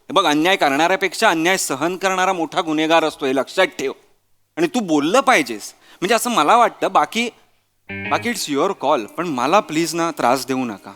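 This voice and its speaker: An exasperated young husband lectures his wife and mother in a high, bright voice that jumps all over the place. He sounds stuck in the middle and fed up. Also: animated, normal speed, big-room sound, soft background music. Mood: lecturing. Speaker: husband caught in the middle, comedy sketch. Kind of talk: stage comedy sketch acting.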